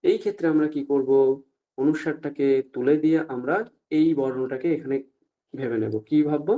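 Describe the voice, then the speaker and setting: A man teaching Sanskrit pronunciation in an online class, often stopping to ask if everyone follows and saying the examples out slowly. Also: fairly high pitch, phone-quality sound. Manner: asks the class frequent check-up questions, slow deliberate recitation of examples.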